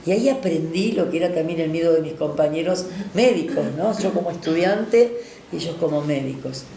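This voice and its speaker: In an oral history recollection, an Argentine doctor in her sixties with a Rioplatense Spanish accent looks back on her past, reflective and hesitant, using tag questions. Her voice is low, fairly quick, creaky and mellow, recorded in a roomy space with faint noise.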